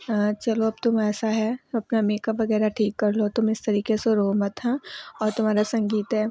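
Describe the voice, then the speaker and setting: Cool, measured young woman, read by a woman, soothing and mellow. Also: mid-range voice, slight background noise, close to an everyday voice. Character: calm young woman coolly forgiving a rival friend.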